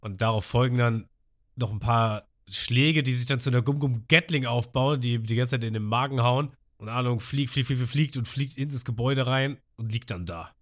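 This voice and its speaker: A man hosting a podcast, casually recapping an episode in animated fashion and acting out characters. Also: medium pitch, normal speed. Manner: animated retelling, acting out characters, laughs a lot. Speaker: podcast host.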